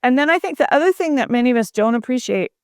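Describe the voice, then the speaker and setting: A woman's voice: sits high, lively intonation, fast, no echo, studio quality. A woman physician and mindfulness coach, a podcast guest, explaining her ideas in a reflective, conversational way with many fillers. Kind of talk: conversational interview.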